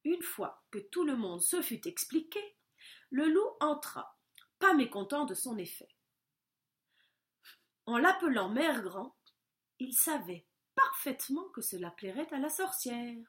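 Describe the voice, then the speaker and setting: A woman reading a children's storybook aloud in a gentle, measured, expressive way. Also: sits high.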